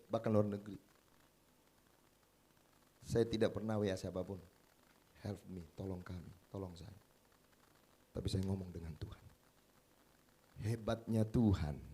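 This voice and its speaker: A man preaching a sermon as pastor at a church service, emphatic, swinging between loud exclamations and quiet, confiding passages. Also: on the low side, husky.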